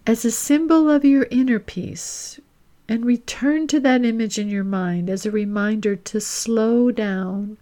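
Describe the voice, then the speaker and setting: A medium-pitched woman leads a guided reflection much as a podcast host would, her delivery gentle and deliberate with long, thoughtful pauses.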